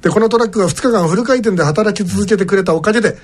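A man hosting a casual radio show, reading a letter aloud with animated asides. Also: high voice, very fast, husky.

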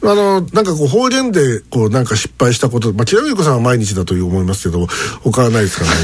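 A man hosting a casual radio chat, telling stories in a lively way. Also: medium pitch, fast talker, breathy edge, no echo. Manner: storytelling, lively, chuckling.

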